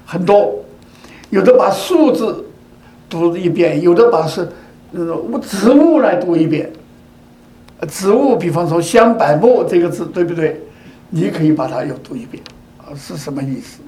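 A man's voice: high voice, animated, moderate pace, mellow. An older man giving a sermon, speaking in repeated phrases and asking rhetorical questions such as whether the listeners agree. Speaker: preacher. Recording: echoey room.

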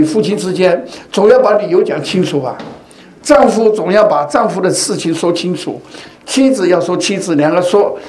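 A man with a high voice preaches a sermon in a relaxed, conversational way. He talks straight to his congregation, often checking in with rhetorical questions as he tells a personal story. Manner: tells personal stories to make a point.

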